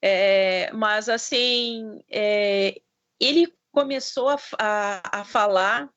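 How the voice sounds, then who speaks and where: A woman from the south of Brazil, a parent, asking a question on a video call. She speaks haltingly and searches for her words. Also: medium pitch, fairly bright tone. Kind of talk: webinar question. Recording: muffled video-call audio.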